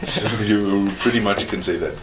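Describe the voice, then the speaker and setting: A man in his forties with a German accent and a very low voice tells his life story in an interview. He pauses to search for English words and chuckles now and then. A steady background noise sits under the recording. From East Germany. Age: 40s. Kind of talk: oral history interview.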